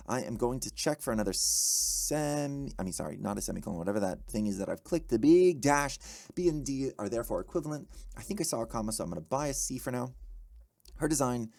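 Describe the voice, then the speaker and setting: A man works practice test questions out loud in a dry, close room. His voice sits low with some gravel, but his pitch swings widely as he catches mistakes, corrects himself, and cheers his own answers. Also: no room sound. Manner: animated, self-correcting, quick asides and exclamations. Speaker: test-prep tutor. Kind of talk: thinking aloud while working practice questions.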